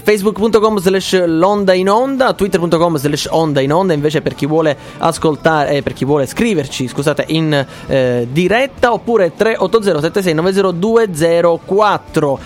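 A man hosting a live radio show, talking in an emphatic, joking way. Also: fairly high pitch. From Italy. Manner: emphatic, jokey delivery. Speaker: radio host. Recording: music behind the voice. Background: faint music.

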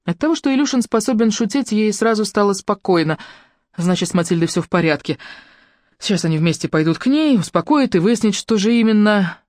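A woman narrating an audiobook in a steady, expressive reading. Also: mid-range voice, brisk, dry recording, clean studio sound.

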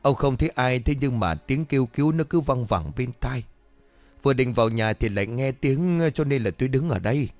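A man voicing an anxious, sharp-tongued old village woman in her seventies who calls out shrilly and scolds. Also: medium pitch, expressive, brisk, no room sound, soft background music, natural voice. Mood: worried.

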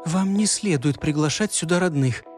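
A man voicing a calm, precise young woman expert who speaks in a measured, instructive way. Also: sits high, soft background music, voice pushed up.

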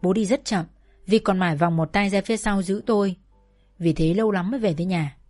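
A woman telling a sad first-person story aloud, her delivery soft and emotional, with an even, middle-pitched voice. Faint music plays beneath her narration. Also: a little fast.

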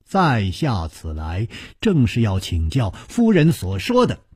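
A man's voice: fairly low pitch, wildly swooping pitch, slow pace, husky, dry recording, studio quality, pitched below the performer's own voice, exaggerated voice. A man as Chu Liuxiang, proud swordsman hero. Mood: probing, courteous. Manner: courteous but persistent, soft-spoken. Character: proud, clever young male swordsman hero. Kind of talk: wuxia novel storytelling.

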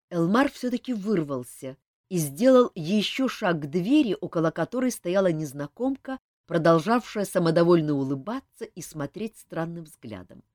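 A woman narrating a fantasy novel as an audiobook reader, expressive in delivery. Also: medium pitch, no room sound, clean studio sound. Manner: expressive, lively reading.

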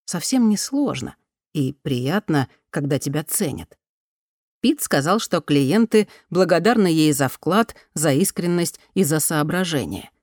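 Woman reading an audiobook, lowish voice, calm, super dry close mic. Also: unhurried, no room sound. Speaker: audiobook narrator. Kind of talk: scripted narration.

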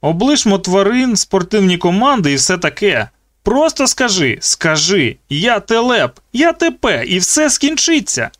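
A male reader pushes his voice up into a cruel, jeering guard who toys with his victim. He talks in a loud, mocking singsong, close and dry with no room sound. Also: high-pitched, big pitch swings, measured pace, no room sound, pitched above the performer's own voice, exaggerated voice. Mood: sneering. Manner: taunting, sneering, playful cruelty. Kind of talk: audiobook character voice.

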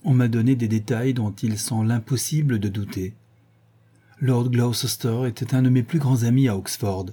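A middle-aged painter pleads with a wayward friend, his words grave and reproachful, as a man reads him aloud. The voice is dark and mellow, with a husky edge. It sounds like a storybook read aloud. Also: mid-range voice, steady tone, moderate pace, lightly acted.

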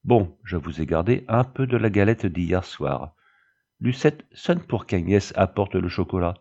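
A man reading the part of a kind young woman, the elder sister, speaking calmly and reassuringly in a storybook reading. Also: low voice, unhurried, gravelly, husky, highs cut off, heavily acted.

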